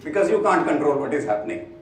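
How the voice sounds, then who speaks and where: A man's voice: fairly high pitch, big pitch swings, fast. Man leading a workshop in an echoey room. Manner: asks the room questions, then explains. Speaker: workshop facilitator. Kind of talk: interactive workshop talk. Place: large echoey room with a group. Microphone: far from the mic. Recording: very echoey room, distant mic.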